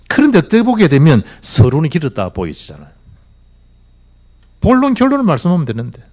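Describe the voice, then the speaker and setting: Male pastor in his middle years, preaching in church, hugely animated pitch, quizzing the flock. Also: a little fast. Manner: animated preaching with rhetorical questions and swings from loud to hushed. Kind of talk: sermon. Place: church sanctuary.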